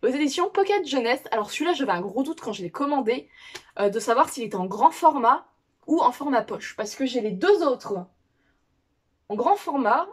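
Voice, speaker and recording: A woman's voice: high-pitched, animated, normal speed, slightly rough. A young woman vlogging casually about a book order, rambling with many fillers and restarts. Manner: chatty, self-correcting. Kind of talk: casual unboxing chat.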